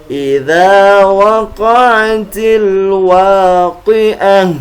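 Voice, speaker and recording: Indonesian man reciting very slowly, over-enunciated. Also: high-pitched. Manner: over-enunciated, drawn-out syllables when demonstrating recitation. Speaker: Quran reading teacher. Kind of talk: instructional lesson with slow melodic Arabic recitation examples.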